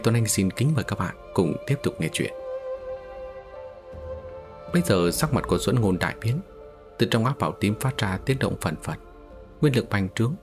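A man narrating a fantasy audiobook in a steady storytelling delivery. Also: fairly low pitch.

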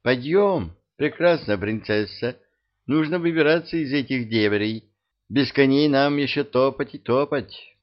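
A man's voice: medium pitch, a little slow, pitched above the performer's own voice, natural voice. Brash blunt young princess, as a man plays her. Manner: curt, blunt retorts. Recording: dull lo-fi audio.

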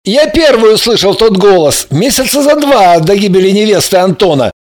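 A woman doing a gruff, blunt young man. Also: medium pitch, very animated, normal speed, darkish tone. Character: brash sardonic young man. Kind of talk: audiobook character voice.

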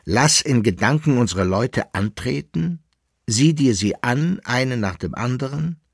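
A man's voice: medium pitch, expressive, measured pace, creaky, slightly rough, no room sound, clean studio sound, pitched above the performer's own voice, heavily acted. A man voicing an anxious, gout-ridden older patron who speaks urgently and secretively. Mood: uneasy.

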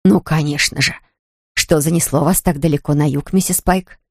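Lady reader doing a low bossy cousin, curt and brisk, audiobook voice. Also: fairly even intonation, no echo, studio quality. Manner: low curt hurried talk. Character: brisk sharp-tongued cousin woman.

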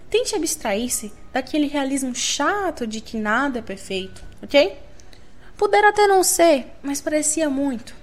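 A young woman giving a theatrical, wry, self-mocking dramatic literary reading. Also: medium pitch. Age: young adult. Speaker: reader of her own literary monologue. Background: faint music.

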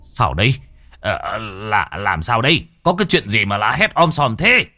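A man's voice: on the low side, sing-song, measured pace, pushed and bright, exaggerated voice. A man voicing a harsh, bad-tempered middle-aged father, barking orders. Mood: angry scolding.

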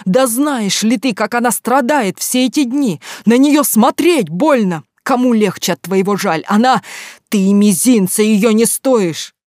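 Reader doing an angry bossy older guy, yelling threats in an audiobook, dry sound. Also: medium pitch, steady tone, unhurried, dry recording, lightly acted. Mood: furious. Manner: shouting, threatening. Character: menacing middle-aged man, furious, domineering.

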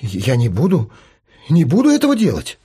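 A man's voice: mid-range voice, wildly swooping pitch, moderate pace, dark tone, slightly rough, heavily acted. A man reading an audiobook, voicing an anxious, insecure young woman who pleads in a raised voice. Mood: refusing. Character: Liza, anxious young woman client, plaintive.

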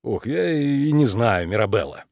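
A man's voice: mid-range voice, very animated, measured pace, creaky, a little mellow, no room sound, clean studio sound. Man doing a weary, skeptical actor. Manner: reluctant, skeptical, grudging. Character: weary grown male actor, skeptical and dry.

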